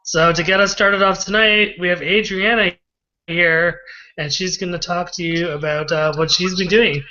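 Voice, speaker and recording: A man with a high-pitched, bright, forceful voice hosts and administers a promotional live video call for an online business. At a moderate pace and with fairly even intonation, he praises his guests in enthusiastic, hype-filled talk. The audio is dull, lo-fi video call sound.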